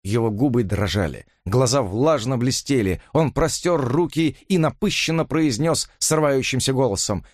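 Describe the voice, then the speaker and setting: Casting: male audiobook reader, lively expressive delivery, dry close sound. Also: mid-range voice, no room sound. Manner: expressive, measured reading. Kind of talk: audiobook narration.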